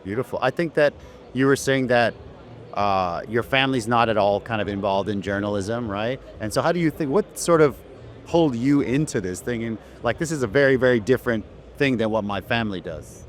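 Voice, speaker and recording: A man's voice: medium pitch, brisk. A man hosting a long-form interview, asking casual, loose questions full of fillers. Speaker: podcast host.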